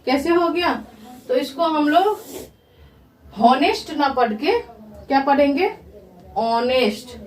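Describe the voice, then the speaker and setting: Woman teacher, fairly high voice, slow careful pace, grammar lesson, echoey room heard from a distance. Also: expressive. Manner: slow, repeats questions to the class and answers them. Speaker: English teacher. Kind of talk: grammar lesson explained in Hindi.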